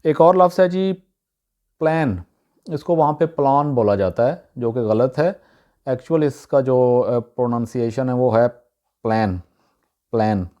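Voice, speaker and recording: A man giving a casual spoken pronunciation lesson, working through words one by one, saying each one twice, with frequent "uh" pauses. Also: mid-range voice, dark tone. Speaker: channel host teaching English pronunciation. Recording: dull, muffled lo-fi sound.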